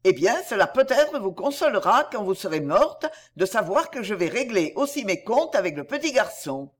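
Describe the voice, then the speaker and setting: A woman's voice: medium pitch, very animated, moderate pace. A woman voicing a cold, menacing female cobra who taunts her prey cruelly in a storybook reading. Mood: taunting.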